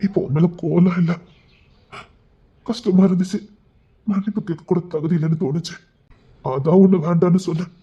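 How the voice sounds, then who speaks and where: A man's voice: high-pitched, fairly even intonation, normal speed, long pauses, slightly rough. A male storyteller who reads an audio love story, voicing its characters with emotional, tearful delivery. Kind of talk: dramatic audio story narration. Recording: dull lo-fi recording.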